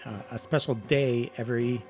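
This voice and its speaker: Raspy middle-aged American man, smoky whiskey voice. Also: medium pitch, steady tone, normal speed, soft background music. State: slightly hoarse from allergies. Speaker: podcast co-host. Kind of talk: casual chat.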